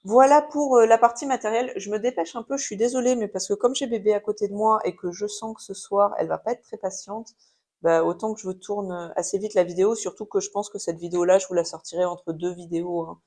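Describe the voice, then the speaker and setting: A woman's voice: mid-range voice, fairly even intonation, quick pace, warm tone. A woman in her thirties with a French accent, chatting casually in a haul video at home, with many fillers and restarts. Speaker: craft YouTuber showing purchases. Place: home with a baby nearby.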